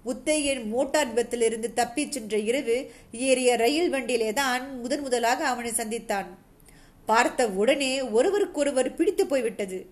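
A woman reads a novel aloud in a high, clear voice. She keeps a steady storytelling pace, restarting now and then when a word trips her. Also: moderate pace. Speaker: narrator.

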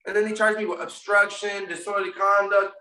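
The guest, a First Amendment auditor from Puerto Rico who grew up in Florida, chats casually in an interview with a high, bright voice that shows little pitch movement and moves fairly quickly. He rambles with frequent repeats and restarts. Heavy room echo and a distant mic color the sound.

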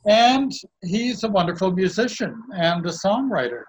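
A man from Canada in a casual conversation, introducing friends in a halting, complimentary way. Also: high voice, very animated, slightly rough, rough recording. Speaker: guest and co-host introducing friends.

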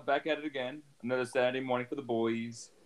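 A man's voice: mid-range voice, fairly even intonation, fast. A man hosting a casual podcast from his apartment, introducing his friends with teasing jokes. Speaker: podcast host.

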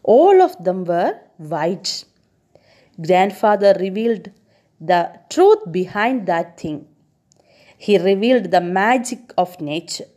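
A woman teacher talks slowly and expressively, her pitch swooping up and down as she retells a story. She stops often to put questions to her students and leans on key words for emphasis. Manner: expressive, quizzes listeners with questions.

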